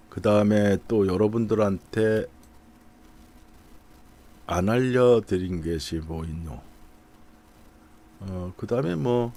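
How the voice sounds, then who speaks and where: In a fairly low, darkish voice, a middle-aged market commentator chats his way through stock charts for viewers. He reasons out loud, sprinkling in fillers.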